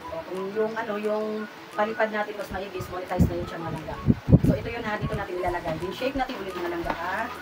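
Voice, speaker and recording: A Filipino woman vlogger hosting a giveaway raffle, talking casually to her viewers with playful teasing and excited squeals. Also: medium pitch, quick pace, very noisy. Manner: chatty, excited squeals at each winner, playful self-teasing. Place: hot room indoors. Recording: mic at a distance, music playing loud.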